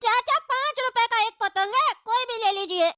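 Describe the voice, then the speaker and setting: A woman's voice: extremely high pitch, normal speed, sharp tone, no room sound, studio quality. Woman doing a sassy train kite seller. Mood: salesy. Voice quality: defiant, sassy. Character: cocky male kite vendor on a train. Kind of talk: cartoon comedy.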